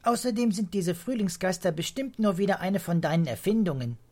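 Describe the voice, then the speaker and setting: A man's voice: sits high, brisk, pitched above the performer's own voice. A man doing a cheeky, eager little girl. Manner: excited, pushy questions. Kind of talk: storybook reading.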